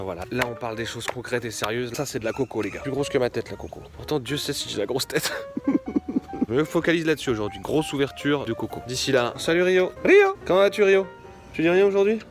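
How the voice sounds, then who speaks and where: A man who has just woken up, chatting in a casual vlog in a grumbling, crude, frank way. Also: on the low side. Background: background music.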